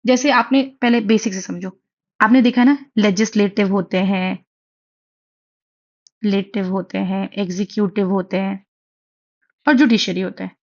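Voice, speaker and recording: A woman's voice: mid-range voice, steady tone, a little slow, long pauses, a little mellow, highs cut off. A young woman teaching an online exam-prep lecture, chatty and reassuring, often checking in with her students. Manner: chatty, reassuring, asks "theek hai?" often. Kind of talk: online lecture in Hindi-English mix. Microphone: writing on a tablet while teaching.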